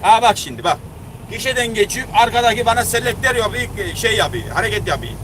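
A man's voice: high-pitched, lively intonation, quick pace. A man in his thirties, a long-haul truck driver, telling an angry story in a casual vlog, heated and indignant, acting out both sides of a quarrel. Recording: noisy roadside traffic. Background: vehicles and outdoor traffic.

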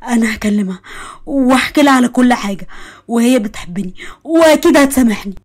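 A woman's voice: a little high, fairly quick, close to an everyday voice. A woman with an Egyptian accent voicing a remorseful young man, panicked and pleading, blaming himself. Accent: Egyptian Arabic. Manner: panicked, self-reproaching, pleading.

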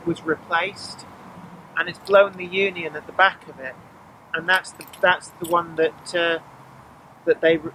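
A woman's voice: fairly low pitch, noisy background. A woman explaining a roadside breakdown in plain, matter-of-fact terms, tired. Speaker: driver, co-host. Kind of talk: casual explanation. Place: outdoors at a roadside car park.

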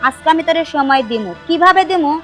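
A young woman playing a scheming young woman who talks briskly and gives orders. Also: sits high, animated, a bit bright, soft background music. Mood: bossy. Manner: brisk, sly and commanding. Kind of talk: comedy TV play acting.

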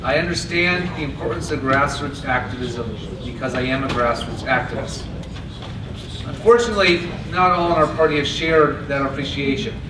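A man giving a steady, earnest convention stump speech at a podium microphone. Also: mid-range voice, moderate pace. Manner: earnest, steady delivery with occasional restarts. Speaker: party chair candidate. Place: large convention hall, indoors. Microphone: podium mic on stand. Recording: echoey hall from a far camera with noise.

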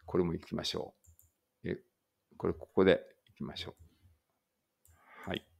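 A man's voice: low-pitched, steady tone, normal speed, vocal fry, darkish tone, husky. A man teaching English vocabulary, reading words aloud and thinking aloud as he checks each one. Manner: thinks aloud while working through a word list. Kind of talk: vocabulary read-aloud lesson.

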